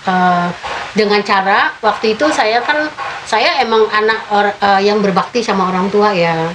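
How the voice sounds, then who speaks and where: A woman in her fifties tells a childhood story in a relaxed interview, her voice sitting at an ordinary middle pitch. She speaks in a halting way and fills her pauses with drawn-out filler sounds. A faint background noise stays under her voice. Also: rough recording. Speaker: guest giving testimony. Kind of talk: personal testimony told in conversation.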